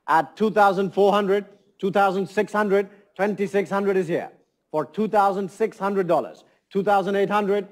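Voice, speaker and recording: A man working as a fine art auctioneer, calling bids and repeating prices in a polished, courteous patter to a saleroom. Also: high voice. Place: saleroom with seated bidders and phone lines.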